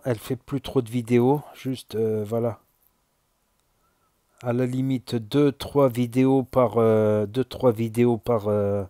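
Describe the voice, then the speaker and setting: Youtuber guy w a southern french accent, dark mellow voice, halting, keeps repeating himself. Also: medium pitch, no echo, studio quality. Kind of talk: casual spoken commentary.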